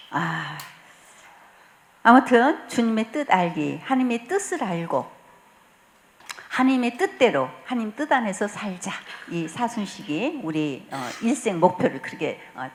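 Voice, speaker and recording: A woman leading a spiritual retreat, telling stories in a warm, chatty way with frequent fillers and occasional laughter. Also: fairly low pitch, big pitch swings, unhurried. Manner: warm storytelling, acts out quoted dialogue, frequent fillers; laughs often while speaking. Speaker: lay mission president leading a retreat talk.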